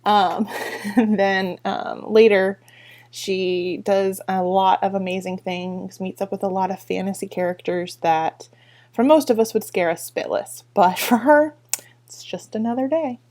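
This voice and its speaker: A woman librarian giving a casual book talk and reading a passage aloud, with fillers and quick self-corrections. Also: medium pitch, fairly even intonation, a little mellow.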